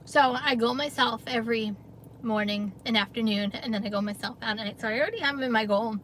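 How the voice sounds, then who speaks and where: A woman's voice: fairly high pitch, a little fast, a bit bright, slight background noise. A middle-aged woman from the New York area hosting a casual livestream from her parked car, chatting upbeat with viewers and laughing often. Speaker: livestream host, gig delivery driver. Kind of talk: casual livestream chat reading viewer comments.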